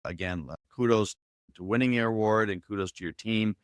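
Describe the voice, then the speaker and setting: Host: lower-voiced man, encouraging, dry close sound, video call. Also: fairly quick, clean tone, dry recording. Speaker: podcast host. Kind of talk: casual interview chat.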